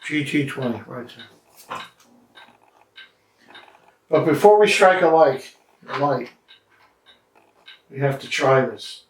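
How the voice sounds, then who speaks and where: A man giving a casual, halting review with many fillers, recorded indoors in a study with a strong room echo. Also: mid-range voice, animated. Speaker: cigar and drink reviewer. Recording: echoey room, mic at a distance.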